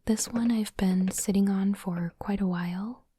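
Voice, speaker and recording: A woman hosts a whispered ASMR unboxing of trading cards, reading them and commenting in unhurried short phrases. Her soft, breathy, unvoiced whisper is medium-pitched with fairly even intonation, close to the microphone. The sound is dry, with slight background noise.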